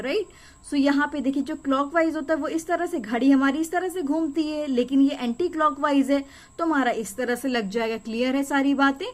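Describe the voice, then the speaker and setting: A young woman with a high, light voice talks a class of beginners through a lesson. She explains one step at a time and keeps checking that everyone has understood. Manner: patient, repeats checks like "clear?" and "okay". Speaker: shorthand teacher.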